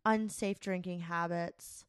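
A woman's voice: fairly low pitch, fairly even intonation, takes it slowly, clear, resonant tone, no room sound, studio quality. A young adult woman co-hosting a podcast, chatting casually, swearing and laughing often. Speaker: podcast co-host. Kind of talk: casual chat.

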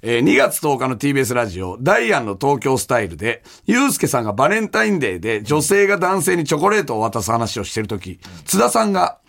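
A man's voice: mid-range voice, big pitch swings, fast, gravelly, hardly any pauses, a bit bright. A man with a Kansai accent hosting a casual comedy talk show, chatting loosely and reading listener mail aloud.

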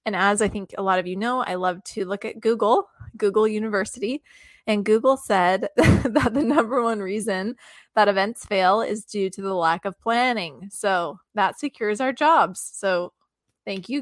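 A woman's voice: mid-range voice, normal speed, dry recording, studio quality. A woman co-hosting a podcast in a chatty, upbeat way with playful asides. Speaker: podcast co-host. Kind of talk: casual podcast chat.

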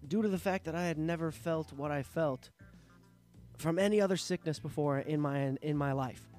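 A man's voice: fairly high pitch, normal speed, darkish tone, soft background music. Nasal sick man rambling on a podcast. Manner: rambling, profane, self-interrupting. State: sick, sore throat and coughing. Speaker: podcast host. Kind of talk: casual solo podcast monologue. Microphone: studio microphone.

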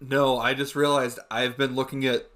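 A man's voice: mid-range voice, level tone, normal speed. A man hosting a casual comedy podcast, swearing and joking in rambling group banter. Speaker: podcast host.

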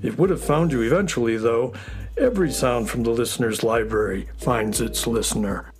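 A man voicing a friendly, excitable space horse who looks after sounds, folksy and enthusiastic, in a children's audio story. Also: medium pitch, normal speed, over music, close to an everyday voice. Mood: upbeat.

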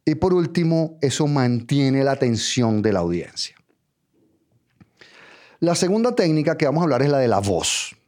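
A man giving a public speaking lesson, talking straight to the listener in numbered steps and checking in with a quick "ok?". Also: mid-range voice, big pitch swings, darkish tone. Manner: direct, addresses listener as tú, numbered steps, frequent "¿ok?". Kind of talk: instructional talk.

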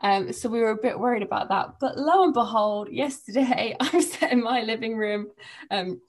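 Chatty English woman, animated. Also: a little high. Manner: chatty, animated, quick laughs. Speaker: sports presenter guest. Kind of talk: casual podcast chat. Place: living room at home.

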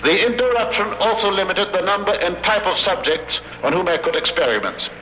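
A man's voice: high voice, fairly quick, bright, forceful tone, echoey room, big-room sound, a little hiss or hum, low-quality recording. An actor playing a cold, gloating male scientist villain in a 1940s-style radio drama, talking in a mocking, formal and precise way. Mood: lecturing.

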